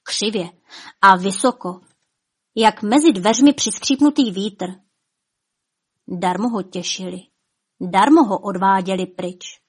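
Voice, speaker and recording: A woman narrating a fairy tale in a rhythmic, dramatic way, with soft drops in her voice. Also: mid-range voice, pauses often, breathy edge. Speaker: storyteller. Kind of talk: expressive fairy-tale reading.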